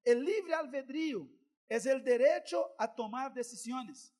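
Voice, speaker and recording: Middle-aged male preacher, very high pitch, storytelling sermon that swells into loud exhortation. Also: animated, unhurried. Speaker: pastor.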